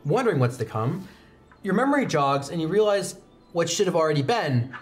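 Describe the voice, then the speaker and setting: A young man with a slightly high voice, seated at a desk in an indoor studio, runs an improvised tabletop roleplaying game as game master. He narrates scenes like a storyteller, very animated and brisk, with background music playing.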